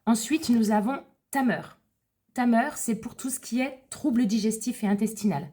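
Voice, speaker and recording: A woman's voice: fairly high pitch, normal speed, dark tone, slight background noise. A woman who works as a wellness advisor, casually explaining essential oil products for children to the camera in a chatty way, often correcting herself as she goes.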